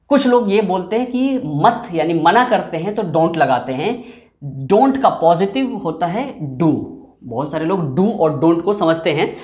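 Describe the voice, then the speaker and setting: A man's voice: high voice, darkish tone. Male English tutor, patient and repetitive, explaining grammar at a board, recorded with room echo. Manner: patient, repeats and drills example phrases. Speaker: English teacher. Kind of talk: explanatory classroom lesson. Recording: echoey room.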